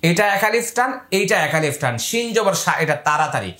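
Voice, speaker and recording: A man teaching Quran reading in Bengali, spelling out letters and vowel marks and drawing words out slowly in recitation. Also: on the high side, sing-song, pushed and bright. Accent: Bangladeshi Bengali. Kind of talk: step-by-step recitation lesson. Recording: echoey room.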